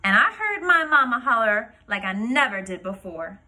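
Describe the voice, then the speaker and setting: A woman kindergarten teacher reading a rhyming picture book aloud to young children in a sing-song way, pausing dramatically before rhymes and asking questions. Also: on the high side, very animated, pushed and bright.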